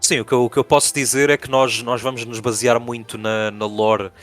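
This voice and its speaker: A young man with a European Portuguese accent answers interview questions at a middling pitch. He speaks hesitantly, restarting his sentences and filling pauses with "eh" and "uh". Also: flat delivery, a bit bright, soft background music. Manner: hesitant, many fillers and restarts. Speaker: project spokesperson.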